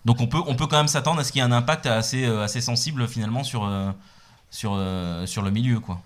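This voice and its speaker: A man co-hosting a podcast in casual chat, halting and repeating words with many fillers. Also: medium pitch. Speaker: podcast co-host.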